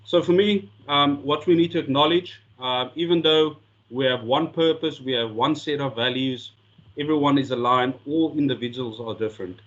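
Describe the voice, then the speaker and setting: Here the South African lecturer, a native Afrikaans speaker, delivers a sincere coaching talk with slides in a mid-range, fairly bright voice at a moderate pace. He frequently repeats words when starting sentences over, and the audio is lo-fi.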